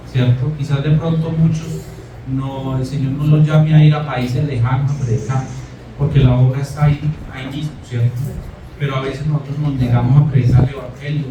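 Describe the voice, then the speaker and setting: A man's voice: mid-range voice, background noise. A man preaching a sermon, telling a personal story in a conversational way and often asking "¿cierto?". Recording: echoey room, mic far off.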